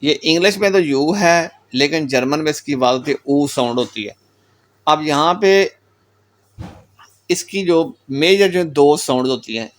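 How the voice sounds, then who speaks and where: Slow-paced male German language teacher. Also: a little high. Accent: Pakistani Urdu. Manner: explains patiently, often repeats "theek ho gaya", mixes in English phrases. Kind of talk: recorded language lecture.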